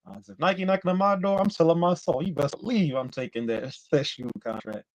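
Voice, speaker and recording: A man's voice: on the high side, brisk, dry recording. A man co-hosting a podcast in loose, slangy sports chat, his faulty mic crackling, popping and cutting in and out so his volume keeps jumping. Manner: slangy, loose, full of "you know". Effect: faulty mic cutting in and out, crackling and popping, uneven volume. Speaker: podcast co-host.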